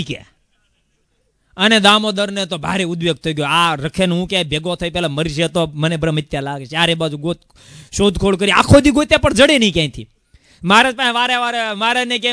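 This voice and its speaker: In a dry, studio-quality recording, a high-pitched sadhu gives a sermon built around a story, performing its characters' lines as an animated storyteller.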